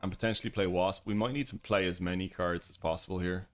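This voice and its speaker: A man's voice: deep voice, steady tone, fast, faint music behind. A man casually commenting on his own card game as he plays live, thinking aloud and greeting viewers in chat. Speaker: streamer and YouTube host.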